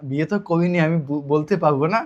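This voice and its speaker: A woman co-hosting a reaction video, chatty and quick to agree in casual talk. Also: deep voice, darkish tone, lo-fi sound.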